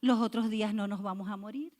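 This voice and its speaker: A woman's voice: medium pitch, steady tone, fast, darkish tone. A woman pastor preaching a sermon, emphatic, repeating key phrases and speaking straight to the congregation. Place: church.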